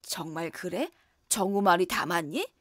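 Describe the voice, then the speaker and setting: An imperious older mother-in-law, low and scolding, with a suspicious, old-fashioned way of talking, as a woman puts her on. Her voice swoops around, and the sound is dry and close. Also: lively intonation, unhurried, dry recording. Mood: stern. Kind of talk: voice drama.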